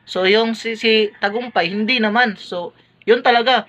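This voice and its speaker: A man's voice: high voice, fairly even intonation, moderate pace, fairly bright tone. A man vlogging, casually recounting a phone call to his viewers in a chatty, hesitant way. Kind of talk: casual storytelling to camera.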